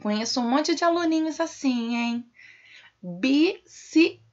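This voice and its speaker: A woman's voice: on the high side, sing-song, a little slow, gravelly, slightly rough. A Brazilian woman teaching young children remotely, calling herself "tia" and using fond diminutives. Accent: Brazilian Portuguese. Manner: addresses pupils warmly as "tia" with diminutives. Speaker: primary school teacher. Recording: dull lo-fi home video sound.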